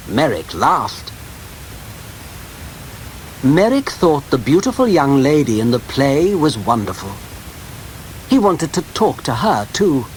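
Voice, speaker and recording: A man reads a story aloud at an unhurried, deliberate pace, his pitch rising and falling expressively. The sound comes from a worn cassette tape copy with a faint hiss underneath. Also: low-quality recording. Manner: slow, careful, clearly spoken reading. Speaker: audiobook narrator. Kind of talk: scripted audiobook narration.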